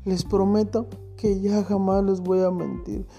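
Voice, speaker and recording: A man voicing a naughty young shepherd boy who cries out high and loud for help. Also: little pitch movement, measured pace, gravelly, highs cut off, faint music behind. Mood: pleading. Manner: high and shouting in panic, pleading.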